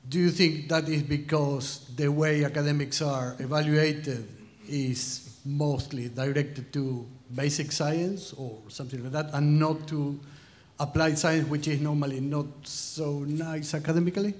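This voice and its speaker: Higher-voiced academic man asking a question. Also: fairly even intonation, a little mellow. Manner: measured questioning, some hesitation.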